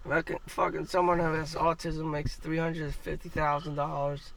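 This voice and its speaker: A man's voice: fairly high pitch, level tone, moderate pace, creaky, fairly bright tone. A man from the United States ranting on a livestream in a profane, rambling way that keeps repeating itself, recorded on a distant mic with faint noise behind. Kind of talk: casual ranting monologue.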